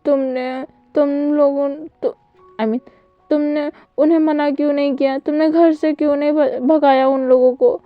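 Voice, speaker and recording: A woman's voice: high voice, level tone, unhurried, no echo, highs cut off, faint music behind, voice pushed up. A woman voicing a tearful, hurt young man who asks faltering, broken-off questions.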